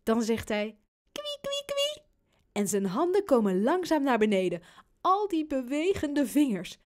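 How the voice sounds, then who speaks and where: A woman reading a children's storybook aloud, in an expressive, unhurried storytelling manner. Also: on the high side. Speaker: audiobook narrator.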